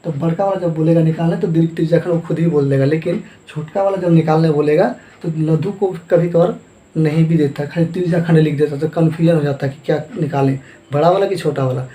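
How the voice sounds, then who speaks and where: A man's voice: on the high side, fast talker, dark tone. Echoey-voiced man teaching math. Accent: Hindi-speaking eastern India, Jharkhand. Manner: asks questions and answers them himself, repeating terms. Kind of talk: classroom lesson at a board. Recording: echoey room.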